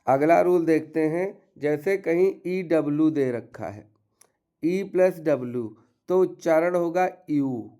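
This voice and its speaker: A man's voice: on the high side, unhurried, warm tone, clean tone. A man teaching English pronunciation rules, explaining step by step and listing example words. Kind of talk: classroom-style pronunciation lesson.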